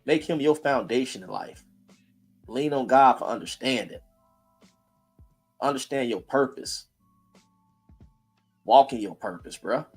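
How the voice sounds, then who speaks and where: A man's voice: medium pitch, unhurried, pauses often, breathy edge, soft background music. A man hosting a casual streamed talk, blunt and preachy, in heated street slang. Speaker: host.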